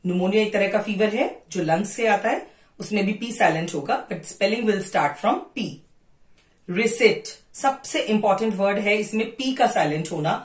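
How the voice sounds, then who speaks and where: A woman teaching English pronunciation, switching between Hindi and English and repeating each word slowly to drill it. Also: medium pitch, animated, far from the mic. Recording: roomy echo.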